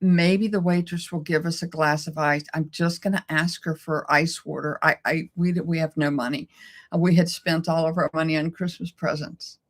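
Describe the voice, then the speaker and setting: A woman's voice: deep voice, fairly even intonation, moderate pace. A middle-aged woman co-hosting a casual chat, telling a personal story in an emotional way and laughing often. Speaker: co-host.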